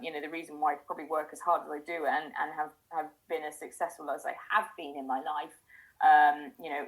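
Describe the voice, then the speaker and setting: A woman's voice: sits low, rough recording. A middle-aged woman hosting a casual chat, talking in a reflective, self-questioning way with frequent restarts. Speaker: host.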